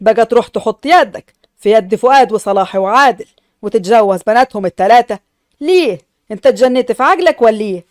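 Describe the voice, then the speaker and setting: A woman's voice: on the high side, lively intonation, fast talker, no echo, clean studio sound, pitched below the performer's own voice, lightly acted. A woman voicing a stern older man, an angry uncle, with an Upper Egyptian accent and a scolding manner.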